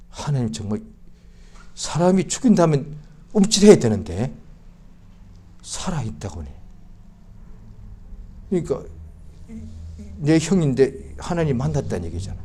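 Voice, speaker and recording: A male pastor giving a Christmas sermon in church, swinging from loud outbursts to hushed, quiet speech. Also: medium pitch, a little hiss or hum. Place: church service.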